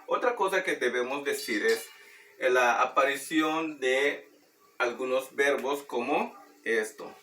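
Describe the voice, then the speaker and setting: A man teaching Maya words through a children's song, speaking slowly and patiently and repeating words for practice. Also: mid-range voice, pushed and bright. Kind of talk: explaining and demonstrating a children's song. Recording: roomy, distant mic, faint background noise.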